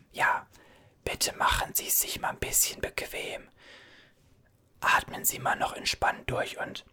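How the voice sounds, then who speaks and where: Whispery gas station cashier guy, a man playing him, super airy and high, bright hiss, soothing chatter. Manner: soothing, reassuring, rambling small talk. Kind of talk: whispered ASMR roleplay.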